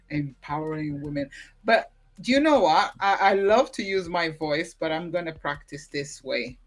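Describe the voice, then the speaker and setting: A woman hosting a podcast interview, friendly and giggly with halting phrasing. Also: lowish voice. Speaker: podcast host. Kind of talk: casual interview chat.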